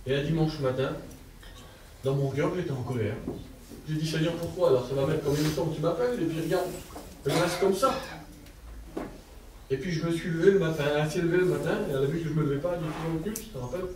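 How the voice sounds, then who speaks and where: Recorded at a distance in an echoey church hall with background noise, a man preaches a fervent testimony sermon as a lay preacher. He stammers and speaks simply, fast and in a fairly high voice, with long pauses.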